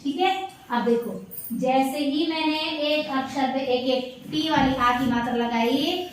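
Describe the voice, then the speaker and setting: A woman's voice: high voice, a little slow, slight background noise. A woman teacher giving a patient classroom lesson, prompting her pupils to repeat each sound after her. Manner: patient, repetitive call-and-response prompting. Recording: echoey room, voice from far off.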